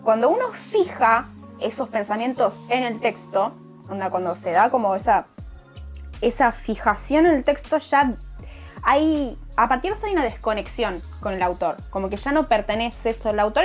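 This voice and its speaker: A young woman with an Argentine accent, speaking as a guest poet in a relaxed conversation and pausing often to find her words. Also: on the high side. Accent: Argentine Spanish. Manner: thoughtful, hesitant, many fillers. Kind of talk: casual conversation.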